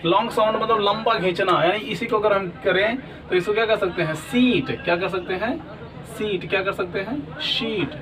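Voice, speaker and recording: Guy with a high voice teaching english, asks and answers his own questions, bit far from the mic with faint hiss. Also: brisk. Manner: asks questions then answers them himself; repeats "ठीक है ना?" often. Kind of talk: classroom lesson.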